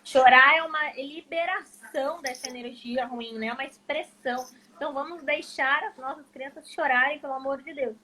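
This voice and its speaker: A woman's voice: high-pitched, moderate pace, few pauses, bright, forceful tone, poor audio. A woman hosting a live stream conversation, speaking emphatically and affirming her guest.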